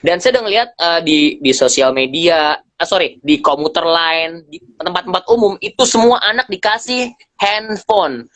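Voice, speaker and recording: A man speaking as a guest on a live stream, telling lively stories in slangy casual talk and acting out bits of dialogue. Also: fairly high pitch, moderate pace, dry recording. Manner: animated storyteller, acts out dialogue, slangy. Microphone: phone on a live video stream.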